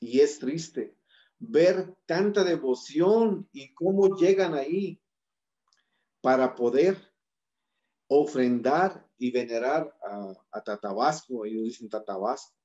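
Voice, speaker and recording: Man, Mexican Spanish accent, impassioned public talk, rhythmic lists, mellow tone, muffled lo-fi recording. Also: medium pitch, animated, takes it slowly. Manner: rhetorical, listing in rhythmic repetitions. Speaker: speaker at a community forum.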